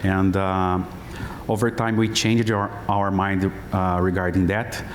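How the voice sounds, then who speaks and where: Deep flat-voiced man with hesitant speech. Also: unhurried, a little hiss or hum. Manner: hesitant, many fillers, non-native phrasing. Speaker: head of platform engineering, panelist. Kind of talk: conference panel discussion. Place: conference stage. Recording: hall reverb with faint ambience.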